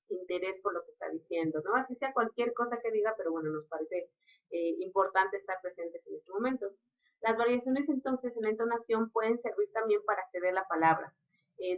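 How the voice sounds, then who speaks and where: Woman lecturing. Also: medium pitch. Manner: explanatory, unhurried teaching delivery. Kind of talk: recorded lecture. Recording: dull lo-fi recording.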